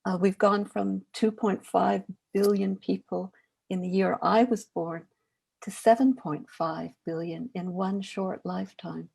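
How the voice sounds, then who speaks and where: An older woman poet on a panel, speaking in a thoughtful, measured way. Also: medium pitch, fairly even intonation, vocal fry, darkish tone, husky. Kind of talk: reflective panel talk.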